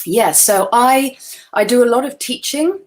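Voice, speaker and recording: A woman's voice: a little high, expressive, measured pace, slight background noise. A woman in her forties, a photographer presenting in a chatty, self-deprecating way over a video call. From Wales. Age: 40s. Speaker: guest photographer. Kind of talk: webinar presentation.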